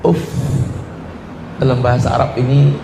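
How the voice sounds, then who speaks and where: A middle-aged man with a Betawi accent preaching a sermon, animated and emphatic, telling stories with humor. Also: mid-range voice, normal speed, gravelly. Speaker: Islamic preacher. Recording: echoey room, faint noise.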